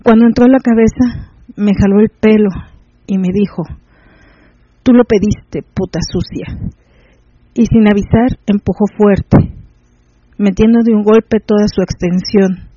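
A man narrating a first-person erotic story in a measured, intimate way. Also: sits high, steady tone, dark tone, no echo, muffled recording.

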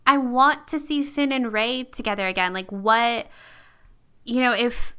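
A woman's voice: on the high side, steady tone, a little slow, bright, forceful tone, clean tone. A young woman co-hosting a podcast, chatting casually and animatedly with lots of fillers. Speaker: podcast co-host. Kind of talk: casual fan discussion.

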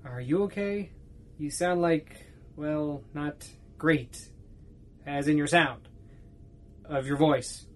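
A woman's voice: low voice, takes it slowly, pauses often. An actress playing a hesitant, polite woman sound technician who hedges with many ums. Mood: worried. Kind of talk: audio drama.

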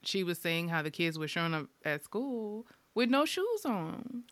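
A woman's voice: lowish voice, very animated, measured pace, fairly bright tone, no room sound. A woman talking in a casual podcast conversation.

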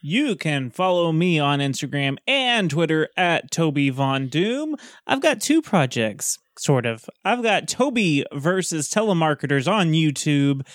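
A man's voice: fairly high pitch, sing-song, unhurried, hardly any pauses, no room sound, studio quality. A young man co-hosting a podcast, upbeat and steering the casual conversation. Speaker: podcast co-host.

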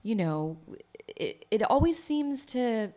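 A woman's voice: fairly high pitch, big pitch swings, slow pace, warm tone. A woman, an actor and playwright, chatting in a casual interview and telling her story in a rambling, talkative way. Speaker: actor and playwright, podcast guest.

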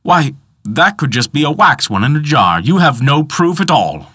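A man voicing a worried wealthy gentleman who speaks in a raised, strained, urgent way. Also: on the high side, very animated, moderate pace, breathy edge, no room sound, studio quality, pitched above the performer's own voice, full character voice. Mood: accusing. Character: anxious wealthy man, pleading.

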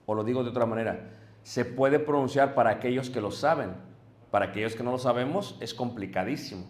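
A man's voice: mid-range voice, fairly quick. A man preaching to a congregation, explaining things patiently and often stopping to check whether his listeners are following. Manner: addresses listeners directly, checks in with "ok?". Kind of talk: sermon teaching to a congregation. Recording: echoey room.

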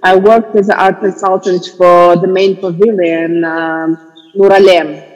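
A woman's voice: fairly low pitch, little pitch movement, a little slow, darkish tone, long reverb tail, rough recording. A woman from Kazakhstan, an art curator, speaking hesitantly with many fillers as a podcast guest. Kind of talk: podcast interview.

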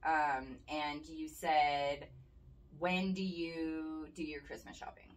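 Casting: young woman, lower-pitched, giggly rambling co-host, recorded from a distance. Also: steady tone, takes it slowly. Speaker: podcast co-host. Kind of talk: casual chat.

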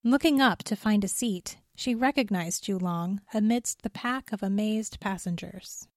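A woman reads a scripted story aloud in a steady, even voice. Her pitch sits at a typical middle level for a woman. Her delivery stays measured through the narration. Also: no echo.

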